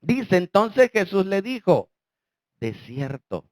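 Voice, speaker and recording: A male pastor with a Mexican Spanish accent preaching a sermon, swinging between loud emphatic lines and quiet low asides. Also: very animated, takes it slowly, no room sound. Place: church.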